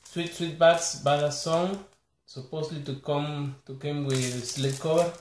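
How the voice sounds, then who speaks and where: A fairly high, steady male voice comes through with slight background noise from a small, echoing bedroom indoors. The Argentine collector, whose first language is Spanish and whose accent is Argentine Spanish, casually shows his haul to camera, listing each title haltingly and apologetically.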